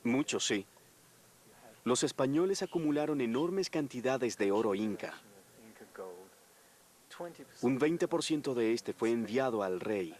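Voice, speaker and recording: A man giving scripted commentary as a historian in a documentary. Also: medium pitch. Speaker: historian, interview guest.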